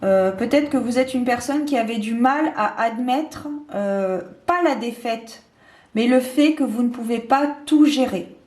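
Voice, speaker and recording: Lady doing a tarot reading, kinda high voice, lots of euhs and restarts, echoey room. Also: a little slow, darkish tone. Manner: hesitant, many fillers and restarts. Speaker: tarot card reader. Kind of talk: casual tarot reading to camera.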